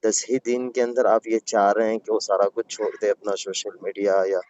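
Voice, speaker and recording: A Gujarati man from India, calling from the road in a private conversation, makes his case with earnest deference, respectfully addressing the listener again and again. He speaks at a normal speed in a lowish, darkish voice with fairly even intonation. The muffled, dull phone audio carries slight background noise.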